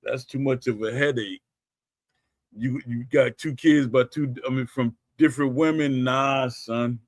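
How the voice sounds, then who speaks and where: Steady and measured, a middle-aged man's mid-range voice comes through a dry recording as he hosts a podcast. His livestream storytelling is casual and meandering, with frequent restarts and self-corrections, and he reads out comments from the live chat.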